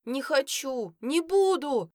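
A woman voicing a whiny, stubborn young boy who wails and shouts his protests. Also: sits high, very animated, a little slow, no room sound, voice pushed up. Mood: wailing. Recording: dry close recording.

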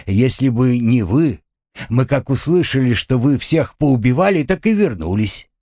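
A man's voice: mid-range voice, lively intonation, unhurried, darkish tone, no room sound, studio quality, pitched above the performer's own voice. A man voicing a timid, simple-minded male orderly who speaks deferentially and a little slyly. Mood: meek deferential. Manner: meek, servile, slightly sly.

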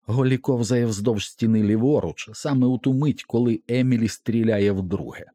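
A man narrating an audiobook with a tense, expressive dramatic reading. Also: mid-range voice, moderate pace, dry recording, clean studio sound.

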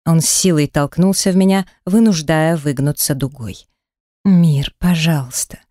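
A woman narrating a first-person romance audiobook in an intimate, breathy manner on a close studio mic. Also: deep voice, moderate pace, mellow, no echo.

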